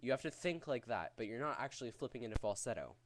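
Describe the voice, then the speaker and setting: A man's voice: medium pitch, big pitch swings, fast, slight background noise. A man giving a casual, rambling vocal technique tutorial in a crude, jokey, profane way. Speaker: vocal tutorial host teaching screaming technique.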